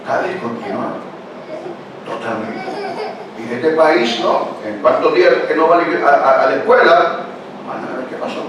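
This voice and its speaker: Picked up from a distance in a very reverberant church hall with faint noise, an older pastor preaches conversationally, peppering his sermon with rhetorical questions. He sounds a little high and sing-song, at a moderate pace with long pauses, and the highs are cut off.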